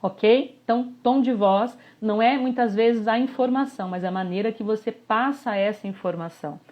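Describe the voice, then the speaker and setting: A woman, a communication coach giving a live online workshop, animated and constantly checking in with her listeners. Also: a little high, moderate pace. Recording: slightly dull lo-fi audio.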